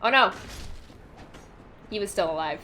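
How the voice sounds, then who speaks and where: A woman streamer giving casual gameplay commentary, animated, laughing often and reacting to chat. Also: mid-range voice, unhurried, slight background noise.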